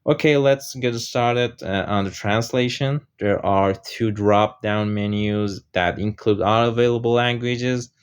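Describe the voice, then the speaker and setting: Over a screen recording, a software tutorial presenter whose first language is Persian walks through a tool step by step, explaining steadily and pausing often on "uh." His fairly low voice is clear and resonant, with faint mouse clicks underneath.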